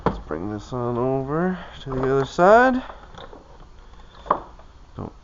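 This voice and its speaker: Muttering short, loose phrases, a vlogger talks himself through his own car maintenance. His medium-pitched voice swings widely in pitch and moves slowly, captured in a muffled recording with background noise.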